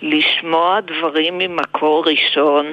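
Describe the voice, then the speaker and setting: An older woman with an Israeli accent, speaking reflectively and deliberately in an interview, with pauses and emphatic repetitions. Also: low voice, steady tone, dull audio. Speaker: interviewed memoir author.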